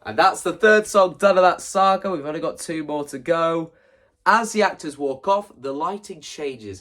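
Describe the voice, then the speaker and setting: A man of medium pitch, captured on a distant mic, explains his ideas for staging a musical in a casual vlog. The video creator is enthusiastic and rambling, often stopping himself mid-sentence and acting out the lines he quotes.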